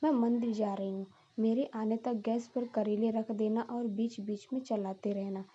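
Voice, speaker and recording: A woman's voice: on the high side, steady tone, moderate pace, warm tone, husky, muffled recording. A woman voicing a stern, scolding middle-aged mother-in-law in a cartoon story.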